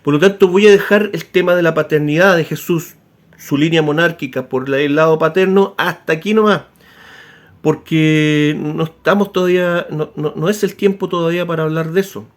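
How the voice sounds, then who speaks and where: Male author, high voice, casual animated lecture style with frequent restarts. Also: moderate pace. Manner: animated, with many tag questions and restarts. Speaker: author explaining history. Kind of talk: informal spoken lecture.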